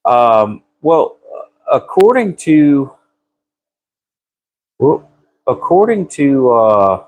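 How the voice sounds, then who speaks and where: Slow-drawling man. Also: mid-range voice, big pitch swings, narrow, tinny audio, a little hiss or hum. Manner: folksy, slangy cracker talk. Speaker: live streamer working on cars in a garage. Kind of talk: casual live-stream chat while working. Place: garage.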